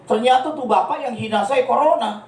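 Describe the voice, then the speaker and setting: A man preaching a sermon, telling stories with lively acted-out quotes. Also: extremely high pitch, a little fast, reverberant, distant mic, low-quality recording. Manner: animated storytelling, acts out quotes. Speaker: pastor. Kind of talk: sermon with storytelling. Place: church.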